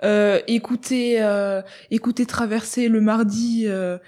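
A woman on a radio panel, soft-spoken and using fillers. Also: a little high, fairly even intonation, a little slow. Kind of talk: casual panel talk.

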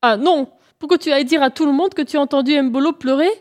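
A woman's voice: a little high, lively intonation, normal speed, dark tone, lightly acted. A woman voicing a cunning, boastful male hare from a storybook who whines and gives orders. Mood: wailing. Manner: lamenting, then bossy and sly.

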